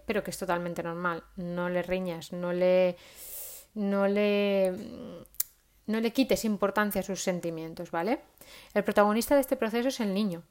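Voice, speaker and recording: A woman's voice: fairly low pitch, darkish tone. A woman, giving parenting advice in a casual, chatty monologue with frequent "¿vale?" tags. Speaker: parenting vlogger.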